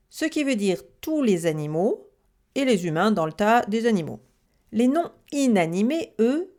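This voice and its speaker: A woman teaching a Russian grammar lesson in French, lively and chatty, asking questions and answering them herself. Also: mid-range voice.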